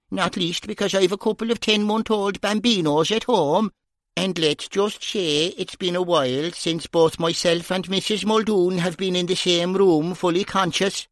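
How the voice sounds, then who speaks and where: A male narrator voicing a wordy, pompous male detective with a Kerry accent and slow, formal phrasing. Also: high voice, fairly bright tone, dry recording, clean studio sound, voice pushed up. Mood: droll.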